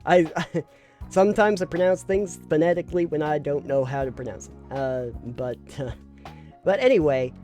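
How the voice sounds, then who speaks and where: A man's voice: on the high side, normal speed, a little mellow, soft background music. A man co-hosting a casual podcast chat, playful and rambling, often laughing and filling gaps with "uh". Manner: playful, giggly, rambling with many fillers. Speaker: podcast co-host.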